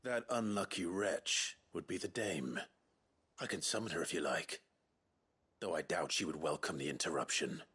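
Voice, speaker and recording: A man playing a brooding, defiant young warrior in a video game, stern and deliberate in manner. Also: low voice, animated, bright, forceful tone, husky, heavily acted. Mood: menacing calm.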